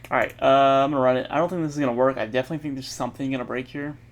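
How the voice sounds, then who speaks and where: Halting, gravelly man muttering through code. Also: mid-range voice, fairly even intonation. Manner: halting, muttering, self-corrective with many fillers. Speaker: programmer streaming his coding practice. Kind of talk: thinking aloud while coding. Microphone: earbuds mic.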